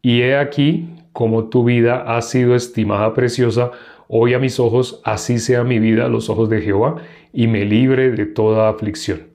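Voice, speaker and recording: A man reading the part of David, a young warrior pleading with a king, in a slow, measured, earnest way. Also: mid-range voice, steady tone, a little mellow, natural voice.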